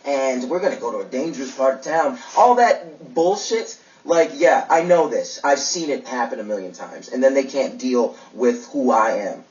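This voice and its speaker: Brief: actor as sardonic young boyfriend, stammering, very lively pitch swings, distant muffled TV audio. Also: male voice, normal speed, hardly any pauses, close to an everyday voice. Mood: heated. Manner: stammering restarts, dry sarcasm. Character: prickly, sarcastic young boyfriend set in his views. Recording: distant, dull TV soundtrack.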